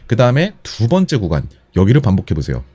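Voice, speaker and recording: A man explains beatbox rhythms step by step, patient and methodical, going over each point again. His voice is mellow and warm, with a very lively rise and fall. He talks briskly into a close, dry mic. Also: on the low side, dry recording. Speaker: beatbox instructor.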